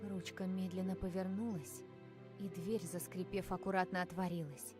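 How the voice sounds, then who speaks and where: A woman's voice: lowish voice, little pitch movement, moderate pace, over music, natural voice. A woman playing a young female adventurer, narrating her fantasy tale in a suspenseful, scripted style for a game. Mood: hushed dread.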